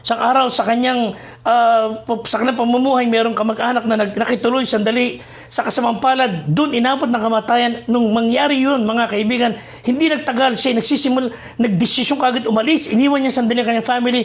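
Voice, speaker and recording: High-voiced preacher telling a story. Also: male voice, fairly even intonation, brisk. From Philippines. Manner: switches between Tagalog and English, addresses listeners as friends. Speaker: missionary preacher. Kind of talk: sermon storytelling.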